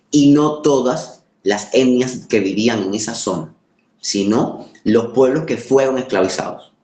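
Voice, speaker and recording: A man's voice: mid-range voice, darkish tone. Echoey Caribbean Spanish-accented man lecturing. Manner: emphatic repetition for rhetorical effect, halting word searches. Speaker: course lecturer. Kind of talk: informal literature lecture. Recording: roomy, echoing sound.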